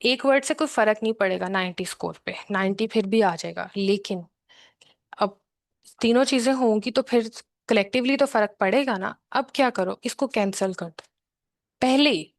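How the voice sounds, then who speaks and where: A woman's voice: medium pitch, moderate pace, no echo. A woman tutoring for an exam, explaining patiently and repeating herself, with frequent check-ins. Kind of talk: explanatory lesson, mixing English terms into her talk.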